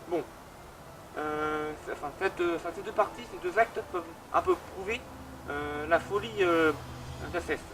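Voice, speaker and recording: In a low-quality recording with clear music beneath him, a young host explains literature casually in a high-pitched, somewhat bright voice. He keeps mocking his own remarks and pausing to hesitate.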